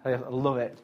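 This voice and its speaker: A man's voice: mid-range voice, darkish tone. A male pastor preaching a sermon in a conversational, chatty way, with chuckles between his points.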